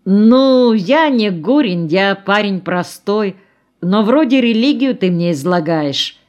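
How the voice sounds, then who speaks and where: A woman's voice: mid-range voice, lively intonation, slow pace, darkish tone, muffled recording. A woman reading the part of a male geologist and party chief, plain, dry and wry, in an audiobook. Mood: incredulous.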